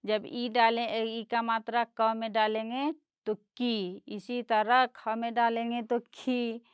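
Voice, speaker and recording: A woman's voice: a little high, little pitch movement, slow, smooth, dry recording, clean studio sound. A woman teaching a primary class, patiently spelling out letters and sounds one at a time and mixing English words into her lesson. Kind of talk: slow classroom lesson explaining a chart.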